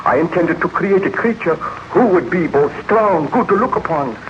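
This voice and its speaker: Over a dull, noisy 1930s radio recording, a haunted baron and scientist. His rather high voice moves dramatically up and down. He confesses with solemn, declamatory remorse in old horror serial style. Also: lively intonation, normal speed. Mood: fervent, tormented.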